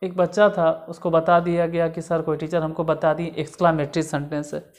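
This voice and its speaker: A woman's voice: sits low, little pitch movement, brisk, darkish tone. A woman explaining English grammar in a casual lesson, repeating examples step by step.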